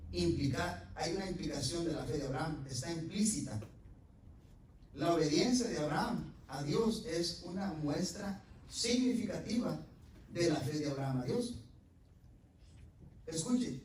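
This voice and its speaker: A male pastor preaching a sermon in a church, swinging from loud emphatic passages to quiet asides and asking the congregation direct questions. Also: fairly high pitch, lively intonation, measured pace, long pauses, far from the mic. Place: church sanctuary. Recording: very echoey church hall, mic from afar, faint noise.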